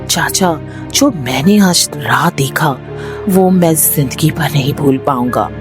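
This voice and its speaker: A woman's voice: sits low, slow, music in the background. A woman voicing a frightened male truck driver who stammers and pleads in panic.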